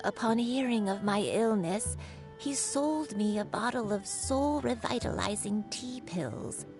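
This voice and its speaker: A frail, forgetful old grandmother, put on by a woman streamer reading game dialogue. She speaks slowly with a gravelly, fry-laden voice pitched a little high. Her tone is soft and sorrowful. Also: music in the background. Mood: wistful. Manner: slow, sorrowful, gravelly storytelling.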